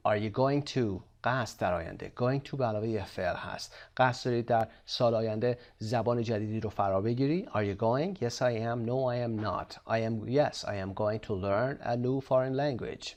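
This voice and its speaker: A man with a Persian accent giving a recorded English textbook lesson, switching between quick explanations and slow, drawn-out model sentences. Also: lowish voice, darkish tone. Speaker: English teacher.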